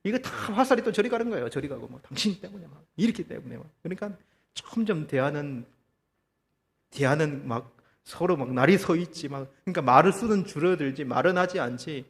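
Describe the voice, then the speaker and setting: A man preaching a sermon as pastor, telling a story with lively, acted-out quotes and rhetorical questions to the congregation. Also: on the high side, a little fast, creaky, in a large hall. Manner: animated storytelling, acting out quoted voices. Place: church.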